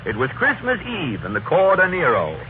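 A long-suffering old Santa Claus in vintage radio comedy. He drawls folksy complaints in a fairly high, very animated voice. The narrow, old-time broadcast sound crackles around him. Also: moderate pace. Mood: aggrieved, weary. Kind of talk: 1930s radio comedy acting. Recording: scratchy, narrow-band 1930s radio recording.

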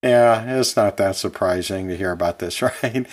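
A lowish male voice at a moderate pace carries this educational podcast. The host, an anatomy and physiology teacher, comes across as a chatty instructor, drifting into folksy asides, laughing often, and correcting himself along the way.

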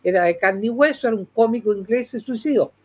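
An older Chilean woman with a fairly high voice gives earnest commentary in a conversational way. She addresses her listeners directly and opinionatedly, often halting to repeat a word. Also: darkish tone, husky. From southern Chile. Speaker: doctor and radio commentator.

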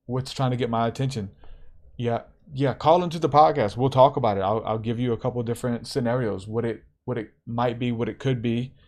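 A man's voice: medium pitch, brisk, few pauses, darkish tone. A man talks to his podcast listeners about faith and spiritual callings. He preaches in an easy, casual way, repeats his lines for emphasis and laughs now and then. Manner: preacherly, repetitive, laughs often. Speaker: podcast host. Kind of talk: spiritual encouragement talk.

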